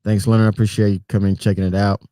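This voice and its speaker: This middle-aged trucker from Puerto Rico hosts a casual livestream, greeting viewers by name and chuckling often between rambling thoughts. His voice is low and mellow, his pace racing, and the dry, close recording catches him occasionally drifting off the mic.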